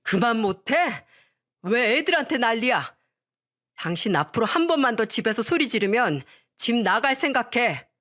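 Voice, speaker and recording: A woman's voice: fairly high pitch, big pitch swings, moderate pace, a bit bright. Woman doing a fed-up husband in a radio story, firm and stern. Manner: firm, raised voice.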